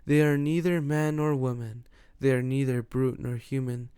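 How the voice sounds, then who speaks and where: A man giving a slow, measured, rhythmic dramatic reading of poetry as an audiobook narrator. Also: mid-range voice, level tone, mellow, smooth, dry recording, studio quality. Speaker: audiobook reader.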